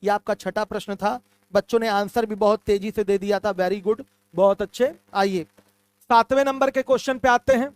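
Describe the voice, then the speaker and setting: Patient male math teacher, clear smooth voice, dry close mic, says everything twice. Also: high-pitched, fairly even intonation, normal speed, dry recording. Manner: patient, repeats key terms, calls students "my children". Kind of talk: online class lecture.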